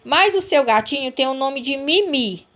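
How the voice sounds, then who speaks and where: Her voice is high and fairly bright, expressive, and moderately paced. As a teacher recording a lesson for young pupils, she patiently explains each step and checks understanding with "right?" in the form of "certo?" and "né?".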